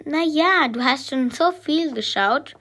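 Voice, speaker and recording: A woman voicing a patient mother who answers her child in a calm, matter-of-fact way in a storybook reading. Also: sits high, takes it slowly, pitched above the performer's own voice, full character voice. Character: patient, slightly tired mother.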